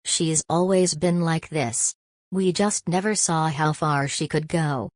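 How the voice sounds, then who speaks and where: A woman's voice: deep voice, steady tone, takes it slowly, no echo, studio quality. A woman voicing a frightened young mother who speaks urgently and pleadingly. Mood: firm.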